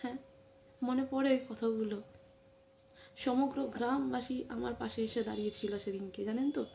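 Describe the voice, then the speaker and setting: A woman's voice: fairly high pitch, steady tone, moderate pace, gravelly, lo-fi sound, slight background noise. A middle-aged woman vlogger giving an emotional personal monologue. She talks with passion, repeats phrases and keeps affirming herself with short interjections. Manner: impassioned, repetitive, frequent affirming interjections.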